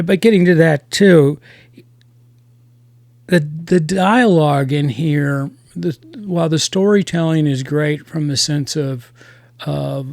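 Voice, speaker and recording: A man hosting a casual review podcast, talking in halting starts with many restarts. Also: on the high side, creaky, a little mellow, no echo.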